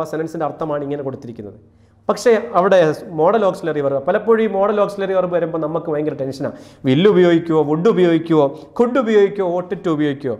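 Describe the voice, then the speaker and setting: A man from Kerala with a fairly high voice runs an exam-prep English lesson. He drills each rule by saying it twice and slows right down to read out example sentences. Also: darkish tone. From Kerala, India. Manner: repeats key rules, reads example sentences slowly. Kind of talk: classroom-style exam lesson.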